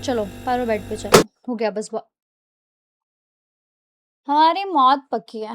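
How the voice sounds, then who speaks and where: High-voiced woman narrating a game. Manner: reactive and dramatic, talking to the game character. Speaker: gaming streamer. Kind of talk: let's play commentary.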